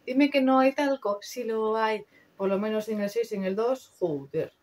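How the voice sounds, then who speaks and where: A woman's voice: on the high side, moderate pace, darkish tone. A young woman with a Spain Spanish accent, chatting casually and slangily through a makeup review, swearing freely. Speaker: beauty vlogger.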